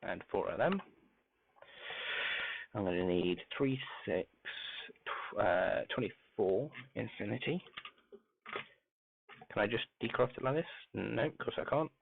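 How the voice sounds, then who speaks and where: Man, muffled as if through a wall, grainy, gravelly, soft-spoken, muttering game commentary, tinny phone-like sound. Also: fairly low pitch, a little slow, pauses often, a little hiss or hum. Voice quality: grainy voice when quiet. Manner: talks softly, mumbling to himself while crafting. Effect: muffled, as if talking through a wall. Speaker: game streamer. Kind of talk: casual live-stream gameplay commentary. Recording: muffled phone-like mic with faint music.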